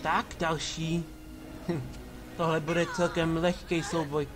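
Guy playing a game, sarcastic and a bit bossy, kinda high voice, game music loud behind him. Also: little pitch movement. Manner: mock-commanding, sarcastic asides to party members. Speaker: let's play gamer. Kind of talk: casual gameplay commentary.

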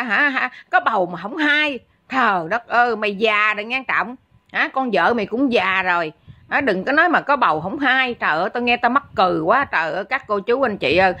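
A woman's voice: mid-range voice, pushed and bright. A woman delivering a blunt, scolding rant as an online commentator, peppering every phrase with "á". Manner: scolding, blunt, repeats filler "á" constantly. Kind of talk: angry ranting commentary.

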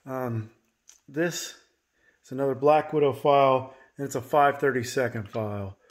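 A man's voice: mid-range voice, fairly even intonation, moderate pace. A man in his thirties giving a casual workshop tutorial, talking straight to viewers and checking in with a folksy "okay?" between steps. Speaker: chainsaw maintenance presenter. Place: indoor home workshop.

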